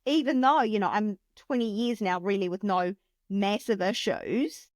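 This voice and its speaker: A woman in her late thirties, a podcast guest talking in a chatty, animated way with lots of fillers. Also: medium pitch, a little slow, dry recording. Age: 30s. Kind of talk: casual chat.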